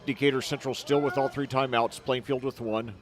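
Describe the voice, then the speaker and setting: Male color man for a home team football broadcast, chatty and partisan, even mid voice. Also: medium pitch, fairly quick, soft background music. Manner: partisan, loose with fillers, recaps the score. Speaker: color commentator. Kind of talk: high school football radio commentary.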